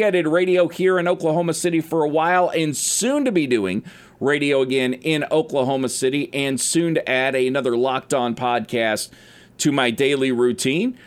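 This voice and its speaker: A man talks through his solo sports podcast in a loose, rambling way, now and then tripping over a word and starting again. His voice sits a little on the high side for a man. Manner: casual, rambling, admits stumbling over words. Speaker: podcast host.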